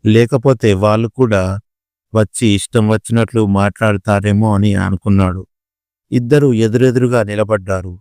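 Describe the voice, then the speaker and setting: A man narrates a family drama with a steady, measured reading. His voice is low and smooth, with a dark, mellow warmth. The sound is close and dry. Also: no room sound. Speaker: storyteller. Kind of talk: scripted story narration.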